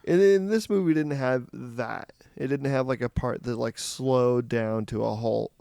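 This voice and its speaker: Young guy cohost rambling about movies, lots of likes and ums, gravelly but smooth voice, dry sound. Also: medium pitch, warm tone, no room sound. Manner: halting, filler-heavy, trails off. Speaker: podcast co-host. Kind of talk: casual movie review chat.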